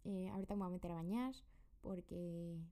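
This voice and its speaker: Chatty Mexican woman with a gravelly voice. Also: fairly low pitch, a little fast, dark tone. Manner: chatty and rambling, many fillers. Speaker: podcaster. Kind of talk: casual personal update monologue. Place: her room.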